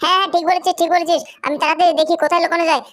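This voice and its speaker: A man's voice: extremely high pitch, little pitch movement, a bit bright, no room sound. A man doing a busy scolding uncle. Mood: bustling. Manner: quick, scolding.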